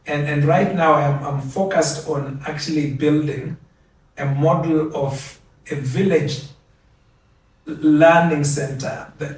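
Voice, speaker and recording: An older man from Kenya giving a measured, earnest acceptance speech, repeating key phrases for emphasis. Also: on the high side, a little mellow. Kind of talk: formal speech. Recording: very echoey, from a distance.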